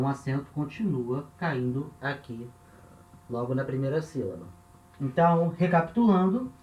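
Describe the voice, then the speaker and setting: In a roomy, echoing recording, a man with a fairly high voice and a Brazilian Portuguese accent gives a grammar lesson at a board. He teaches patiently, repeating essential points and checking in with listeners as he goes.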